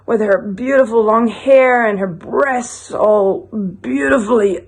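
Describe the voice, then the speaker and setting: Woman storyteller, husky voice, rambling joke, animated, restarts often. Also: fairly high pitch, takes it slowly.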